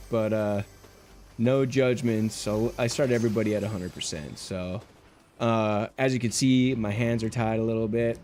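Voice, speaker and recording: A man's voice: medium pitch, darkish tone. A man livestreaming, chatting casually with viewers while gaming, laid-back and rambling with lots of fillers, heard through a livestream headset mic. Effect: livestream headset mic audio. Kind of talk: casual gameplay chat with viewers.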